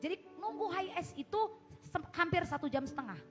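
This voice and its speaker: A high-voiced middle-aged woman pastor tells a lively sermon story, slipping into English. Music plays clearly behind her. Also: brisk. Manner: animated storyteller, mixes English phrases.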